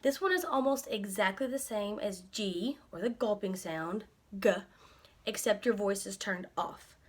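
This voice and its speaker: Friendly speech therapist modeling sounds. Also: female voice, mid-range voice, lively intonation, normal speed. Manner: demonstrates sounds with repeated modeled syllables. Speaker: speech-language pathologist. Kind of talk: instructional explanation.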